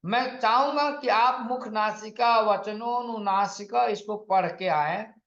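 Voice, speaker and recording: A man teaching Sanskrit grammar in an online lecture, explaining patiently and repeating lists, sometimes chanting sutras slowly. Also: sits high, a bit bright. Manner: slow, patient explaining with repetition and counting out lists. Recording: echoey, dull lo-fi room recording.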